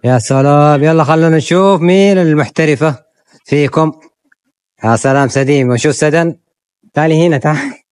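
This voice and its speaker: Very low-voiced woman, playful vlogger. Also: fairly quick, a little mellow, no room sound, clean studio sound. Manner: playful and coaxing, repeating admiring exclamations. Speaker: family vlogger filming children. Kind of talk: casual family vlog commentary.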